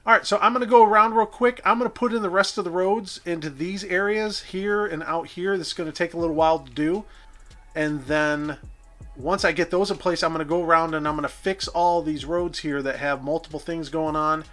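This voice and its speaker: A man's voice: on the high side, brisk, fairly bright tone, soft background music. A man casually narrating his own gameplay, thinking aloud and correcting himself as he goes. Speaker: gameplay commentator. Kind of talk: casual let's-play narration.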